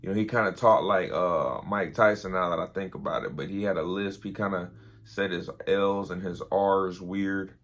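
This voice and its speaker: A man's voice: deep voice, steady tone, moderate pace, fairly bright tone. A tired young man, telling an army story in a casual, rambling way with many fillers. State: tired, early morning. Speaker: vlogger, army veteran.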